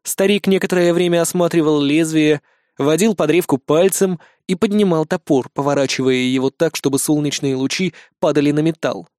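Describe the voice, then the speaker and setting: Male audiobook narrator, fairly high voice, steady and expressive, dry close recording. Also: fairly quick, dry recording.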